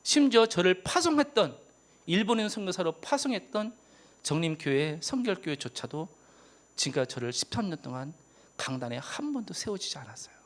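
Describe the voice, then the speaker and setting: A man in his fifties preaching an impassioned sermon as a missionary, swinging from emphatic loud peaks to hushed whispers. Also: high voice, sing-song, brisk.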